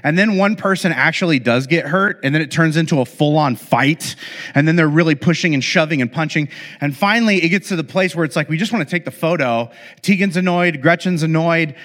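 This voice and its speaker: A man's voice: on the high side, a little fast, a bit bright. A middle-aged man, a pastor, telling a funny family story in a sermon, talking casually with many fillers and restarts. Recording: long hall reverb.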